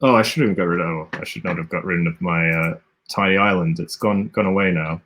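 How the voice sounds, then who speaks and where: A man's voice: low voice, fairly quick, fairly bright tone. An Australian man casually commentating a livestream while he plays, rambling and thinking aloud with frequent self-corrections. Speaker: game design streamer.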